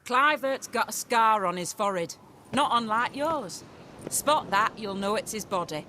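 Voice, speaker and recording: Brash cocky gang leader. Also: female voice, fairly high pitch, animated, measured pace, pushed and bright, a little hiss or hum. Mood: cocky, scheming. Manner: cocky, mocking. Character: brash foul-mouthed female gang leader.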